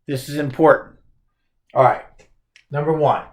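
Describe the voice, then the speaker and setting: A man's voice: fairly high pitch, flat delivery, unhurried. A male teacher lecturing on a poem, posing emphatic rhetorical questions.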